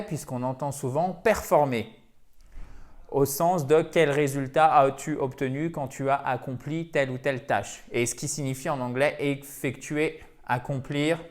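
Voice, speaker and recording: Lively French teacher explaining pronunciation. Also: male voice, mid-range voice. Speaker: English teacher.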